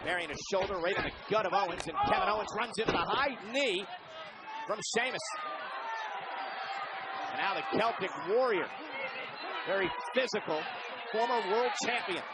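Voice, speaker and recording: A high-voiced man works as a wrestling commentator, calling the action with punchy emphasis and excitement. A loud arena crowd roars behind him throughout the live broadcast. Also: moderate pace, long pauses, very noisy. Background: roaring arena crowd.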